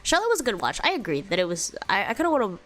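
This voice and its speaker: A young adult woman streams with a congested, slightly sick voice, casually rambling through viewer comments with plenty of fillers and giggles. Her voice sits at medium pitch but swoops wildly, racing along with a somewhat bright tone. Faint music plays in the background.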